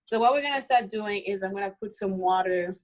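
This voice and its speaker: A woman's voice: mid-range voice, brisk, low-quality recording. Chatty young woman from the Congo. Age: young adult. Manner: chatty, with many "like" and "um" fillers. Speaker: cooking guest. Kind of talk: casual cooking demonstration.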